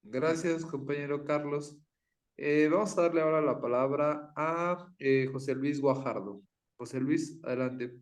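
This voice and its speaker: A man's voice: on the high side, a little slow. A man moderating a seminar question round, giving people the floor in brief, formal words.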